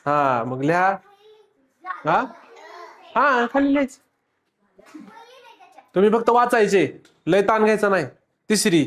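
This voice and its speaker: A man leads a classroom lesson, speaking to children in front of him. He keeps the class going with quick repeated questions and playful teasing, in a casual teaching style. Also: high voice, lively intonation.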